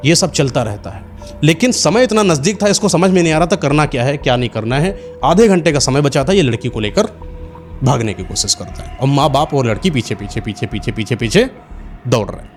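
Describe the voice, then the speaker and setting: A man narrates a horror tale with intense, dramatic storytelling, sometimes repeating words to build suspense. His voice sits at an ordinary male pitch, and soft music plays quietly under him.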